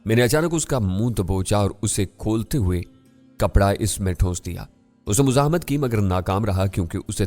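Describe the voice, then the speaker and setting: Low-voiced man narrating a thriller. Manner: steady, measured storytelling. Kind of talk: first-person audiobook thriller narration. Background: faint music.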